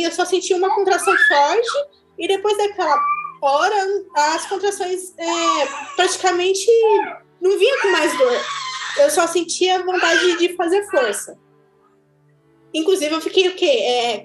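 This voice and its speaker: A woman with a Brazilian Portuguese accent, chatting casually as she tells her own birth story, animated and quick to laugh. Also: very high-pitched. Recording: echoey room with faint music.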